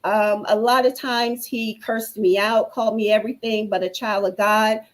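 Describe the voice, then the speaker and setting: A woman's voice: mid-range voice, steady tone, normal speed, poor audio. A woman guest on a talk show telling her own story in an earnest, preacherly way. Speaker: guest speaker. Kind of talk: personal testimony on a talk show.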